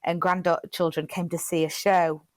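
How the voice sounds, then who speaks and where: A woman's voice: on the low side, level tone, moderate pace, no echo. A young woman, a playwright chatting casually in an interview, rambling with lots of fillers and restarts. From Britain. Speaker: playwright and theatre director. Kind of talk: casual chat.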